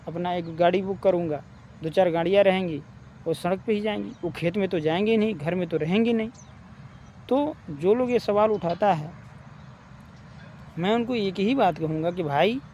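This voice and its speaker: A man's voice: sits high, darkish tone, slight background noise. A man giving spoken opinion commentary, arguing his point with rhetorical questions and repeated phrases. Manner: argumentative, asks rhetorical questions; repeats points, addresses listeners as brothers. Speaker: opinion vlogger.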